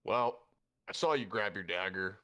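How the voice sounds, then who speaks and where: Man playing a cool, unbothered lady adventurer, slightly low, dry delivery. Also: normal speed, pushed and bright. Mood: curt. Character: cool, dismissive woman adventurer at a bar.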